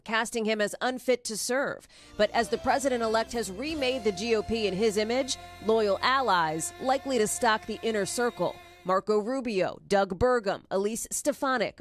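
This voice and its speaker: An American woman reading scripted television news narration as a senior correspondent. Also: mid-range voice. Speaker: chief correspondent.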